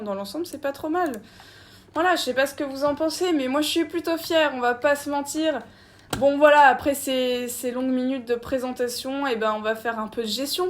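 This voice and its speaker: A woman's voice: on the high side, a little hiss or hum. A woman giving casual, chatty gameplay commentary while touring her park, talking straight to her viewers. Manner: chatty, easygoing, talks to viewers directly.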